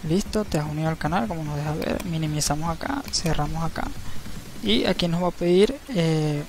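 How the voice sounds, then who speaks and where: Relaxed man walking through steps. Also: fairly high pitch, a little fast, gravelly. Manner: relaxed, step-by-step, frequent tag questions. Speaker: crypto channel host. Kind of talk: screen-recorded tutorial walkthrough. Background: faint background music.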